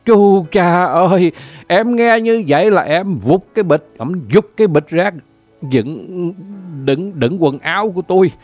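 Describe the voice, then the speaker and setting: A man's voice: high voice, lively intonation, normal speed, a little mellow, dry recording, dull audio, faint music behind. A man with a Southern Vietnamese accent telling a comic story in a theatrical, lamenting way, full of exclamations.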